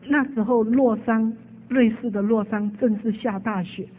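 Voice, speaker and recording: A woman's voice: on the high side, steady tone, normal speed, slightly rough. A woman preacher telling an emotive story in a sermon. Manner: emotive, with frequent "hao" fillers. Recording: tinny phone-like sound.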